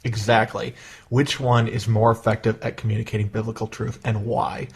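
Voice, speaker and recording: A man with a Midwestern American accent hosting a podcast in casual chat, animated and given to emphatic mock rants. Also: on the low side, normal speed, creaky, husky. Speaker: podcast host.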